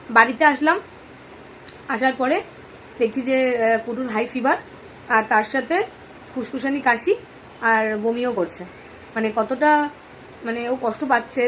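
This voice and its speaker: Hoarse woman vlogging at home. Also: sits high, a bit bright. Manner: chatty, coaxing her baby in between. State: hoarse from a cold. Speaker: mother vlogging about her sick baby. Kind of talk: casual vlog narration. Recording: noisy home recording.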